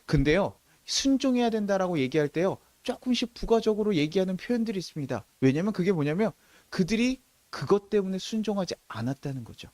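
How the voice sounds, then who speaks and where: A man's voice: sits high, animated, a little fast, a little mellow, no echo. A male pastor preaching a sermon in a conversational way, acting out quoted voices.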